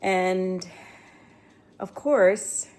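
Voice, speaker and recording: A woman's voice: medium pitch, very slow, a little mellow, poor audio. A middle-aged woman with a cold, chatting upbeat and straight to camera in a casual vlog. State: sniffly with a cold. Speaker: lifestyle vlogger.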